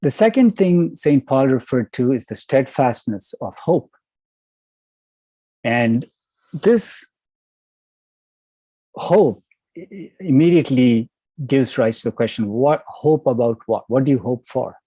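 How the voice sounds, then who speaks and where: A man's voice: mid-range voice, lively intonation, slow, long pauses, warm tone, husky, dry recording, poor audio. A man giving a devotional talk over a video call, telling a story in a conversational way. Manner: conversational, with fillers and restarts. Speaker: devotional speaker. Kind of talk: sermon with storytelling.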